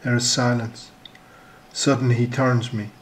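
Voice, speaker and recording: A man reads his own short story in a calm, measured first-person voice. His pitch sits in an ordinary middle register. He sinks to a near whisper when he gives the detective's lines. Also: a little hiss or hum, poor audio.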